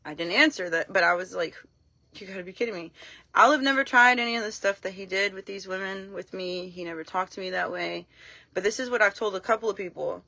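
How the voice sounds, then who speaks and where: A woman talking casually on a live stream, frank and blunt, telling her story in an animated way and acting out what people said. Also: mid-range voice, quick pace, creaky, no echo. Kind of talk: casual talk to camera.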